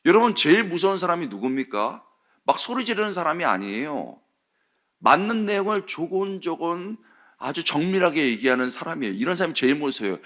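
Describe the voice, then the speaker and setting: Animated male preacher. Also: fairly high pitch, brisk. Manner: animated storytelling, acts out the characters. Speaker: pastor and preaching professor. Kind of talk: sermon.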